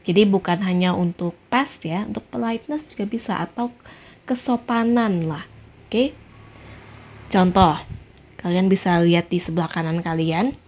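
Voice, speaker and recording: Indonesian woman teaching English grammar slowly. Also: mid-range voice, a little mellow. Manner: explains patiently, reads English examples slowly and clearly. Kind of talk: bilingual grammar lesson over slides.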